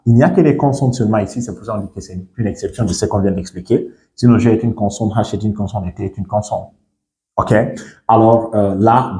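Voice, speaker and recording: A patient man teaches a language lesson in a fairly low voice. He works through each point step by step and keeps checking that the learners follow. The recording has a roomy echo. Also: a little mellow. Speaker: English teacher. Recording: echoey room.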